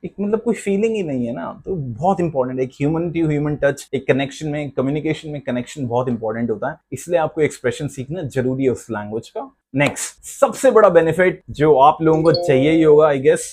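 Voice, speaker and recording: A man with an Indian accent, teaching English in a mix of Hindi and English, animated and acting out example lines. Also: on the high side, brisk, hardly any pauses, slight background noise. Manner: animated, acts out flat and lively example lines. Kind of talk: Hindi-English lesson talk.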